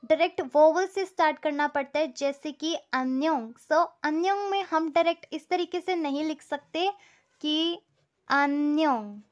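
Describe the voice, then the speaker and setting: A woman's voice: high-pitched, normal speed. A woman teaching a language step by step, patient and repeating each example.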